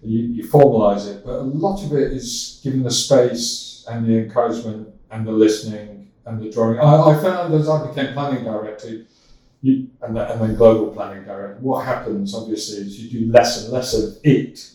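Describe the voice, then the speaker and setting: An older man in casual interview talk, speaking in a halting way with many restarts, as a podcast guest. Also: mid-range voice, warm tone, recorded from a distance. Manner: halting, with frequent repeated starts. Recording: echoey room, from off-mic.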